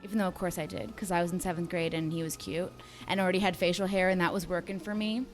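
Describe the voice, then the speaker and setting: A woman's voice: fairly low pitch, fast, faint music behind. A woman in her thirties telling a story on a casual livestream, acting out the quoted dialogue. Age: 30s. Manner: animated, acts out quoted dialogue. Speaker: streamer's girlfriend, guest.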